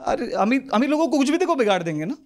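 On a comedy club stage before a live crowd, a young man from India speaks with a Mumbai Hindi accent at an extremely high pitch, jumping between rapid street characters in an animated stand-up routine. It's a live recording from a handheld stage mic, with laughter from the audience.

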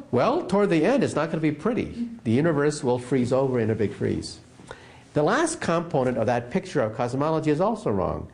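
A man from the United States, a physicist guest in an interview, explaining science as an animated, emphatic storyteller. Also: a little high, moderate pace, gravelly.

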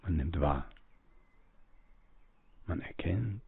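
A man's voice: deep voice, lively intonation, extremely slow, gravelly, slightly rough. A man giving a spiritual teaching in a musing way, acting out the voices of the people he quotes and breathing audibly as he talks. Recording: tinny phone-like audio, dry.

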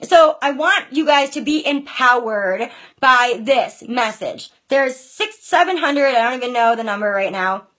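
A young woman with a high voice rallies her team as their coach. She preaches with passion, hammering her points home, and keeps checking in with "okay?" and "you guys". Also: animated, a little slow, fairly bright tone. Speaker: team coach giving a pep talk. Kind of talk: motivational talk.

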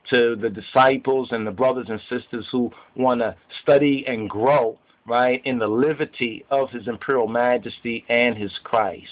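Here the religious teacher, speaking Rastafari, has a mid-range voice heard through narrow, tinny audio. He works through scripture with emphatic repetition, pausing now and then to ask his listeners "right?"

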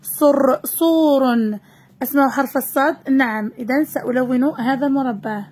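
A high-voiced woman with a Moroccan accent teaches a recorded lesson for young children. She draws each syllable out slowly and repeats it so small learners can follow. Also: a little mellow, husky. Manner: slow, drawn-out sounding of letters and syllables.

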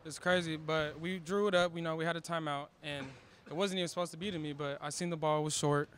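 A man's voice: a little high, slight background noise. A young male college basketball player answering casually and briefly after the game. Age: young adult. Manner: quick, casual, flat delivery. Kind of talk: postgame interview answer.

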